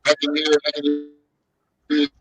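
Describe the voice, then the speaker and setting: A man's voice: a little high, monotone, normal speed, fairly bright tone, a little hiss or hum. A man calling in over a bad laptop connection that gives his voice a hollow, cave-like echo, talking hesitantly with many restarts. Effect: hollow cave-like echo from a bad remote audio link. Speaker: horse racing handicapper calling in. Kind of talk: casual call-in chat. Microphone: laptop call mic.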